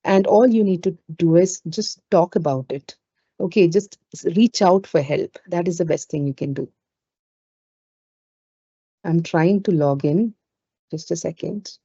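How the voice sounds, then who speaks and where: Female webinar trainer, Indian accent, mellow conversational delivery, roomy lo-fi call audio. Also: fairly low pitch, measured pace, long pauses, breathy edge. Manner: conversational, with frequent "you know" asides. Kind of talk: informal live webinar talk with audience questions. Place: indoors on an online webinar call.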